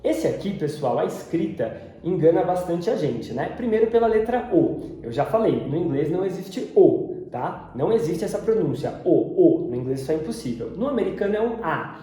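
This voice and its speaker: A man with a Brazilian Portuguese accent teaching English pronunciation, repeating each word slowly and carefully. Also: sits high, very animated, warm tone. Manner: repeats English words slowly and deliberately, often several times. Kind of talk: pronunciation lesson. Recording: very echoey room.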